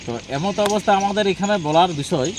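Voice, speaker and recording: A local man gives an informal eyewitness account in a fairly high voice. He tells it haltingly and repeats himself, with faint noise behind him. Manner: halting, repetitive telling. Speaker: local eyewitness being interviewed.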